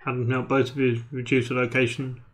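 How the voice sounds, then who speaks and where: This is a man in his thirties who co-commentates a card tournament in a relaxed, casual way. He explains plays plainly and drops dry, teasing jokes at his partner. His pitch is ordinary for a man. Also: fairly quick. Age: 30s. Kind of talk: casual live match commentary.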